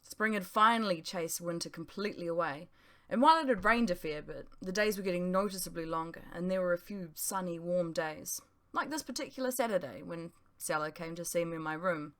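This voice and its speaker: A woman, the author, narrating her novel aloud in a measured first-person storytelling manner. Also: lowish voice, a bit bright. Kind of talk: audiobook narration.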